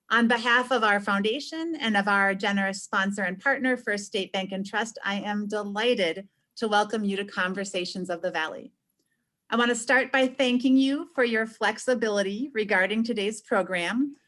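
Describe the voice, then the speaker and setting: A woman in her forties, a foundation president, giving measured, polite welcome remarks on a video call from her office. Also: a little high, a bit bright. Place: office with a painting behind. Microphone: video call webcam.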